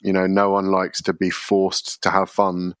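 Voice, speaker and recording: A man, a podcast guest explaining his workplace practices in a measured way, often using fillers. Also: low-pitched, completely flat delivery, fairly bright tone, smooth, no room sound, studio quality. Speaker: guest, contact centre leader. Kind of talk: podcast interview answers.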